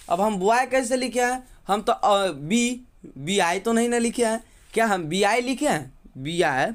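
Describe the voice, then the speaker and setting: A man with a high, light voice teaches English letter sounds in a classroom style. He spells words slowly, letter by letter, and keeps asking the viewer questions. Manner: slow, drawn-out letter-by-letter spelling.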